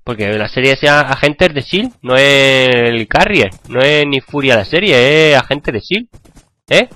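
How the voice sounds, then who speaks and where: A man with a Spain Spanish accent, hoarse from a cold, chatting and joking with viewers while playing a game. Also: mid-range voice, lively intonation, measured pace, pushed and bright. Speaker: gaming channel host. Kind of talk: gameplay commentary.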